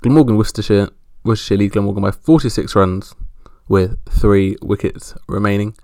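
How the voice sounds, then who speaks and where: Male podcast host, low gravelly voice, wry and halting, casual sports roundup, close dry sound. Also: mellow, dry recording.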